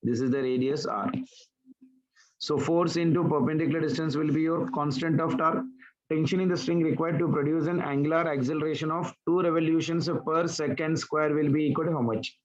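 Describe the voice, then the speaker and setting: A man's voice: fairly high pitch, fairly even intonation, fairly quick, lo-fi sound. Man teaching physics on a call. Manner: talks students through steps, asks questions back. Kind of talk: online class explaining problems. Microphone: online class call.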